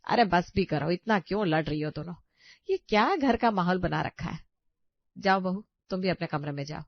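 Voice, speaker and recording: A woman's voice: lowish voice, animated, normal speed, no room sound. A woman voicing a stern but caring older mother-in-law in a cartoon story, with a scolding, motherly manner. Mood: soothing. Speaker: voice actor. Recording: dry, slightly dull audio.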